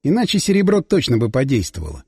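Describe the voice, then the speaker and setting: A man reading first-person audiobook narration with lively storytelling delivery. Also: medium pitch, fast talker, slightly rough, no room sound, studio quality, big-room sound.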